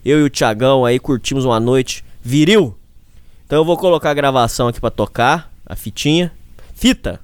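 A man's voice: medium pitch, brisk, clean tone, no echo. Hungover Brazilian man hosting, clean dry sound. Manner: tongue-in-cheek macho bravado, repetitive. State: hungover, with a headache. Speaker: show host. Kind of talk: casual podcast monologue.

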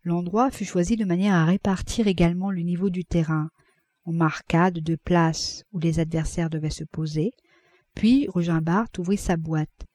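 Lectrice posée, voix grave et sèche. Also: female voice, steady tone, no echo. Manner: measured, voices characters with raised pitch and loudness. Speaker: audiobook reader. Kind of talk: literary audiobook narration.

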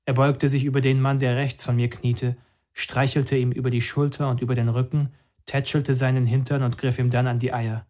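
Calm man narrating in first person. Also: medium pitch, moderate pace.

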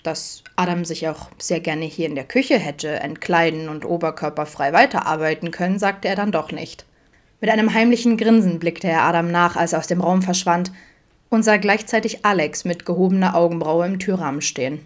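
Woman narrator, fairly low voice, calm audiobook reading, even storytelling. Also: normal speed. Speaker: audiobook reader. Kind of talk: fan fiction audiobook narration.

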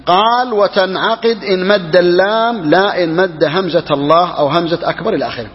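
Brisk high-voiced man teaching in a hall. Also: muffled recording. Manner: quick, repeats key phrases for emphasis. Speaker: sheikh teaching Hanbali jurisprudence. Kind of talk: religious lesson explaining a text.

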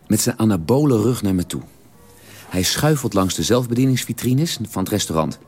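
A man in a radio drama telling a long, detailed story at the dinner table in a measured, drily precise way. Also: lowish voice, a little mellow, breathy edge. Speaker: character telling an anecdote at a family dinner.

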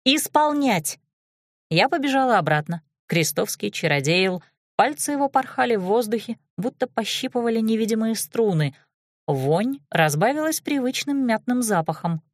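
A woman narrating an audiobook in the first person, brisk and expressive, on a close studio mic. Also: a little high, no echo.

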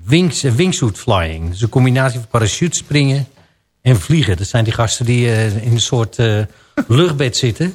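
A man in a radio studio chats casually into the microphone, his voice at an ordinary middle pitch. He reels off curious facts about strange sports with easy laughter in between. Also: animated, moderate pace. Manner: chatty, laughs while telling odd facts. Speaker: radio presenter.

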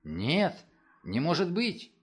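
A man's voice: on the high side, wildly swooping pitch, takes it slowly, husky, pitched above the performer's own voice, exaggerated voice. A man reading aloud and voicing a proud, defiant young man in an audiobook, speaking coldly and in clipped bursts. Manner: cold, clipped, then bursting out.

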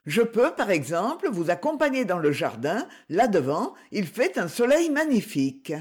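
A reader doing a woman in her seventies, soft, coaxing, stubborn, higher lively voice. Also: moderate pace, breathy edge. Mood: gentle.

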